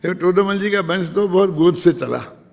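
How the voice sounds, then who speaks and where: Speaking at normal speed in a high-pitched voice with vocal fry, an older man gives a conversational talk on scripture in a large hall. He frequently checks whether his audience is following, asking "समझे ना?".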